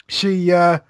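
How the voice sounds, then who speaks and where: A man's voice: high-pitched, sharp tone, no echo. A man in casual chat reviewing a TV series, agreeing often and listing details at length. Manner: affirming with frequent "yeah", lists facts at length. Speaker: podcast co-host.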